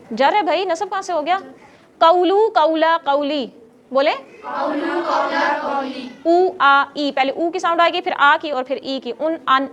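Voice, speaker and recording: A woman's voice: high-pitched, fairly bright tone, lo-fi sound. A woman teaching a grammar class who explains step by step, quizzes her students and scolds them when they get noisy.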